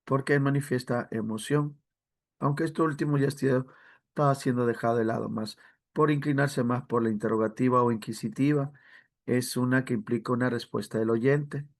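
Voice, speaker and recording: Male teacher, exam review lesson, explanatory, quick tag questions, talks to students by name, mid pitch. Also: fairly even intonation. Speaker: language teacher.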